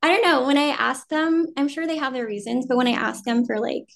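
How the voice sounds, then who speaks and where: Her voice sits high and creaky, and she talks briskly. The guest actor, a woman in her thirties from New Jersey who grew up speaking Vietnamese before picking up an American accent, rambles easily through a casual interview, laughing often and saying "um" and "like" a lot.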